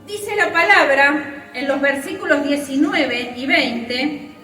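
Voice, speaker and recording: A woman's voice: high-pitched, takes it slowly, sharp tone. A woman preaching a sermon in a church, fervent and emphatic. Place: church hall. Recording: roomy church hall, mic at a distance, faint music.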